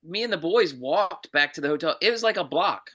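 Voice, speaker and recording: A man chatting casually on a podcast with a bright, forceful voice. He stops and restarts often and lets his sentences trail off. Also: a little high, lively intonation, brisk. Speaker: podcast co-host. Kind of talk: casual chat.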